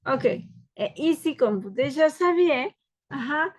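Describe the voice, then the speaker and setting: Woman w/ teaching french online, high voice, slow and patient. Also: animated. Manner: slow, explains step by step, switches between French and Spanish. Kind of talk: online class lecture.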